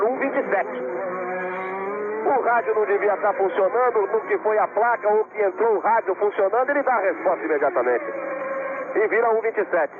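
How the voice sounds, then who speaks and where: A Brazilian man giving live motorsport play-by-play commentary, dramatic and repeating phrases for emphasis. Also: sits high. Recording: tinny radio-like broadcast, engine noise behind.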